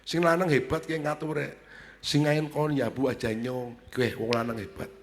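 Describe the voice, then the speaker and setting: A man with a Brebes Javanese accent giving a humorous sermon, telling stories and acting out dialogue with shouts and laughs. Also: mid-range voice, little pitch movement, moderate pace. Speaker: preacher. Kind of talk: humorous sermon at a family gathering. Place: large hall at a family gathering. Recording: long hall reverb.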